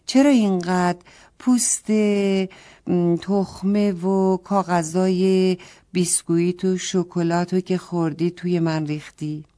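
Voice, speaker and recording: A woman's voice: on the low side, steady tone, dark tone, close to an everyday voice. A woman voicing a grumpy talking orange backpack. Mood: complaining. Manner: complaining, scolding. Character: scolding orange backpack, grumpy then kind.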